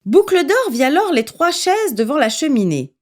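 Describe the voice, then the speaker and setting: A woman narrating a children's story in an expressive, lively reading voice. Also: sits high, normal speed.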